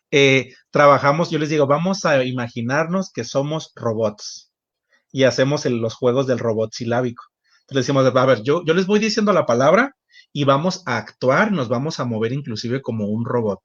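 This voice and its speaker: Male teacher moderating over dull audio. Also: medium pitch. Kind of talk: webinar moderation.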